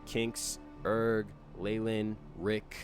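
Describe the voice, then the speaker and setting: A man with a lowish, fairly flat voice that draws out its words narrates an update for a game development team. Semi-scripted and full of thanks, his earnest, informal delivery addresses the audience directly, with music playing clearly behind him.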